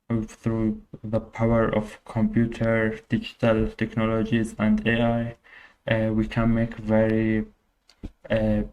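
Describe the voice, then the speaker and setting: Young guy from syria on a podcast, lowish voice, pretty monotone, lots of uhs. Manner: hesitant, many fillers and restarts. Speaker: guest. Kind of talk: casual interview.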